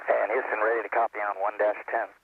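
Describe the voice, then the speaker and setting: A man's voice: on the low side, little pitch movement, fast, vocal fry, husky, no room sound. A man on the crew, reading back numbers over a narrowband space-to-ground radio link in a clipped, businesslike way. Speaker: shuttle crew commander. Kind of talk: radio procedure callouts and readbacks. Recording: tinny, thin radio link.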